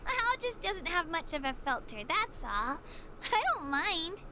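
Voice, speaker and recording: A woman voicing a shy, earnest young woman in a video game, who speaks gently and a little unsure of herself. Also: very high-pitched, big pitch swings, measured pace, slight background noise, heavily acted. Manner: gentle, a little self-doubting.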